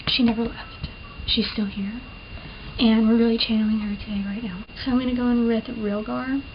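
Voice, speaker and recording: In a casual makeup tutorial, a young vlogger rambles chattily and jokes at her own expense, using plenty of fillers. Her delivery is flat and moderately paced, in a slightly high voice with a mild lisp. Recorded on a built-in camera mic, the sound is muffled and dull, with clear hiss.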